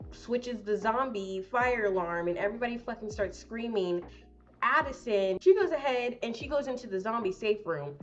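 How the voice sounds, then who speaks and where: Young adult woman, casual vlog recap, profane and rambling, slightly muffled home audio over soft music. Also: mid-range voice. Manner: profane, rambling, quick laughs. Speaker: movie recap vlogger.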